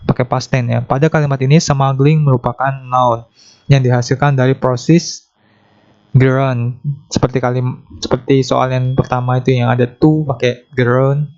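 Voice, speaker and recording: A man teaching an exam-prep grammar lesson, going through each question step by step. His voice sits at an ordinary middle pitch, and he slows down deliberately whenever he reads the English answer options aloud. The recording is dull and lo-fi. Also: little pitch movement, darkish tone.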